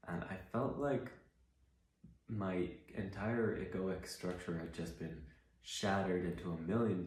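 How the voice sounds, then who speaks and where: An Icelandic musician and songwriter, whose first language is Icelandic, chats on a casual livestream between songs from his living room. His low, darkish male voice rings in a very echoey room as he rambles reflectively through stories full of fillers.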